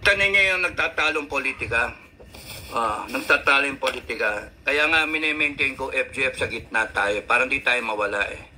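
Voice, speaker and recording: A man's voice: mid-range voice, expressive, fairly quick, sharp tone, slight background noise, rough recording. A middle-aged man from the Philippines, a retired military captain, giving an angry political rant, swearing often and repeating points for emphasis. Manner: heated, swearing, emphatic repetition.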